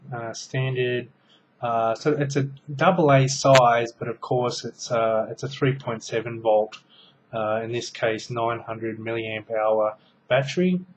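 A man's voice: medium pitch, a little hiss or hum, poor audio. A man in his thirties casually demonstrating a gadget at home, rambling with many ums and restarts while his hands are busy. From Australia. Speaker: product reviewer. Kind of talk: casual show-and-tell review. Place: small room indoors at home. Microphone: webcam mic at close range.

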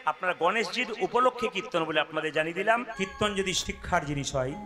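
High-voiced man telling a devotional story. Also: fast talker, over music. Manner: direct, instructs the crowd, asks rhetorical questions. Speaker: kirtan singer and storyteller. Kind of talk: devotional storytelling to a live audience. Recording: live crowd behind.

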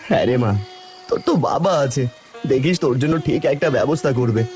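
A man's voice: medium pitch, expressive, fast, darkish tone, soft background music, close to an everyday voice. A man voicing a caring, worried poor village father in a cartoon, anxious and tender. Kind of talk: cartoon voice acting.

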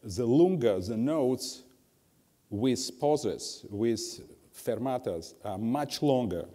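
A man leads a piano master class in a slow, unhurried way, humming rhythms as nonsense syllables and making blunt, dry remarks. His voice is mellow and dark, and it carries a long reverb through the hall, with faint piano in the background. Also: mid-range voice, animated. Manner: scats rhythms with syllables while coaching; blunt, drily humorous corrections. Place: music school teaching hall.

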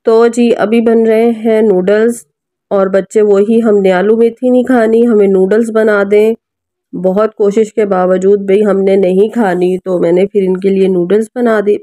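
A woman's voice: mid-range voice, mellow, dry recording. A woman with a Pakistani Urdu accent, a mother narrating a casual cooking and family vlog at home, chatty and often asking viewers for their help. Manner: chatty, keeps addressing viewers with requests. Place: home kitchen and family room.

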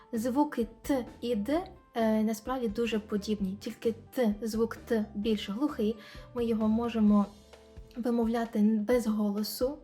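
Woman teacher slowly repeating practice phrases. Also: medium pitch, dark tone. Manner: slow and careful, repeating example phrases many times. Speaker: English teacher. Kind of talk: language lesson explaining pronunciation.

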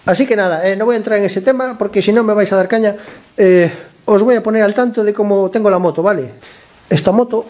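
A motorcycle mechanic vlogger, his high voice slightly hoarse from a cold yet a little mellow, talks quickly to the camera while fixing a motorcycle in his garage. This casual workshop tutorial is chatty and step by step, and he keeps asking "¿vale?" to check that viewers are following.

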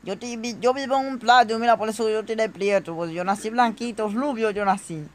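A man's voice: sits high, fairly quick, slight background noise. A man giving comedic gameplay commentary, talking straight to his viewers and breaking into panicked shrieks. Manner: chatty, addresses viewers directly. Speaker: gaming youtuber.

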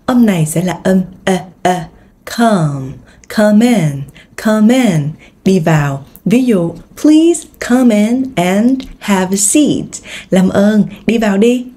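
A Vietnamese English teacher giving an online lesson, saying English example phrases slowly and drilling their pronunciation. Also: female voice, medium pitch, dark tone. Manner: slow, drawn-out example sentences with careful pronunciation drills.

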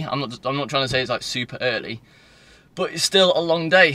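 Holding his phone at arm's length in a car, a twenty-something vlogger with a Northern English accent chats loosely and wanders off topic. His mid-range voice is bright and forceful, with no echo. Faint background noise from the car interior can be heard.

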